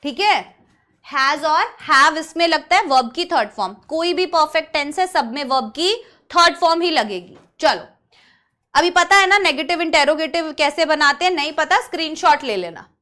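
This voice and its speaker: A young woman teaching English grammar in an energetic lesson. She explains in Hindi, reads the English example sentences slowly and often checks whether her students have understood. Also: high-pitched.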